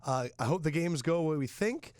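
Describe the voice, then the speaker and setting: Lively man hosting a football podcast. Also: on the high side, dry recording. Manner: lively, storytelling, quick asides. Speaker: podcast host. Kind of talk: casual sports talk.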